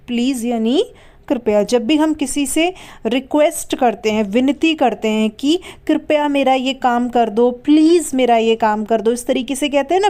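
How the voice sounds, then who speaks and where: A woman with a fairly high voice teaches beginners patiently, spelling out each word letter by letter. She keeps asking a quick question and then answering it herself. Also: warm tone. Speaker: English teacher.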